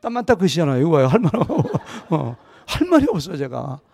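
A middle-aged man, a pastor preaching a sermon, telling a humorous personal story and acting out the dialogue with lively shifts of voice. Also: fairly high pitch, normal speed, vocal fry, slightly rough, no echo. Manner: anecdotal and humorous, acting out dialogue in a wide-ranging voice.

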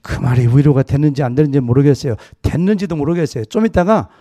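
A middle-aged man, a pastor preaching a sermon, telling a humorous personal story and acting out the dialogue with lively shifts of voice. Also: a little high, fast, no room sound, studio quality. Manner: anecdotal and humorous, acting out dialogue in a wide-ranging voice.

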